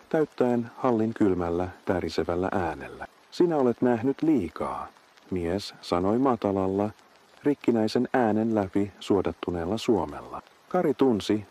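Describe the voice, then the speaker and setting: Guy narrating a horror story, low mellow voice, steady and even. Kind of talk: scripted narration.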